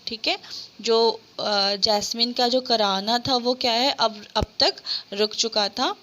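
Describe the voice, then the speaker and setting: A woman teacher reading an English lesson aloud and explaining it line by line, spelling words out letter by letter and often pausing on "theek hai". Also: on the high side, steady tone, bright, forceful tone. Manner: reads English lines very slowly, then explains in casual Hindi; frequent filler "theek hai" and hesitations. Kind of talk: slow textbook reading with Hindi explanation.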